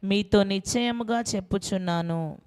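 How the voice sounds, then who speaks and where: A woman reading scripture verses aloud slowly and measuredly during a sermon. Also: mid-range voice, darkish tone, clean tone. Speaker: scripture reader. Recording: echoey hall, off-mic.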